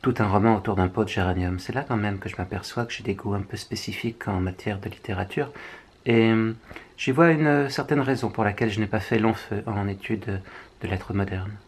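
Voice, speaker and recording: A man's voice: on the low side, brisk. A French man, a writer, musing through a book review with wry asides. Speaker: writer presenting books.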